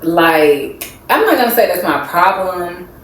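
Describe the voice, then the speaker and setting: A woman's voice: fairly low pitch, animated, a little slow, slight background noise. Reflective woman podcaster, echoey room. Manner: reflective, filler-heavy. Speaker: podcast co-host. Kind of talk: casual chat. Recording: echoey room, faint ambience.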